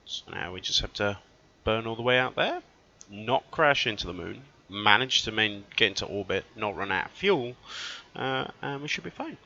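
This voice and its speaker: A man's voice: lowish voice, animated, moderate pace, pushed and bright. A man giving casual let's-play commentary, thinking aloud as he plays and often correcting himself mid-sentence. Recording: dull lo-fi recording.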